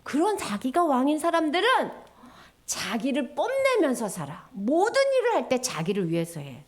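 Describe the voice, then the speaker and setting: Animated woman preaching to children. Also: high voice, moderate pace. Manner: animated, sing-song storytelling to kids, acting out voices. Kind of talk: children's sermon.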